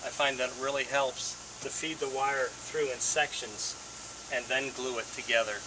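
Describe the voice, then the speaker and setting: At a normal speed and in a mid-range voice, a middle-aged DIY instructor explains how to wire a solar setup in a plain, relaxed, stepwise manner as he works. The scene shifts from outside by a house to an indoor workshop, recorded with slightly distant camera audio, faint ambience and background noise.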